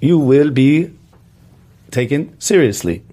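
A man, a podcast co-host, putting on a slow, mechanical robot voice. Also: medium pitch, animated, dark tone. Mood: robotic. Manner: slowed, droning, mechanical delivery.

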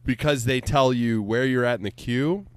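A man co-hosting a podcast, telling a story as an animated, profane rant into a studio microphone. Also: medium pitch, moderate pace, clear, resonant tone, dry recording. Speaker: podcast co-host. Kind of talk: casual podcast banter.

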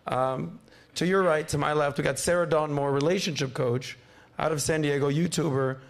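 Throaty, gravelly male podcast host. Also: a little high, fairly even intonation, normal speed. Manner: joking, teasing. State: under the weather, worn throat. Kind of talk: casual panel banter.

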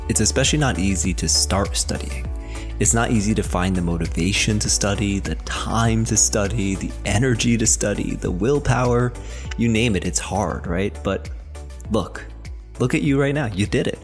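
A man in his thirties, from New Jersey and raised in New York, hosts a motivational podcast, speaking with earnest encouragement directly to the listener. He is an acupuncturist, his voice is fairly low at a normal pace, and soft music plays in the background.

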